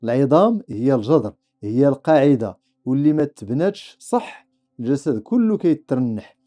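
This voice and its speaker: A man's voice: mid-range voice, sing-song, normal speed, dark tone. A man with a Moroccan accent giving reflective, rhetorical scripted narration for a podcast. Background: faint music.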